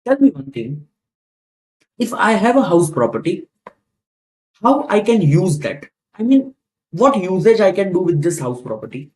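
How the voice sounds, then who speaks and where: A man's voice: sits high, sing-song, unhurried, long pauses, darkish tone, rough recording. A man with an Indian accent lecturing as a teacher, repeating key points and asking rhetorical questions in a didactic way. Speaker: tax teacher. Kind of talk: classroom lecture.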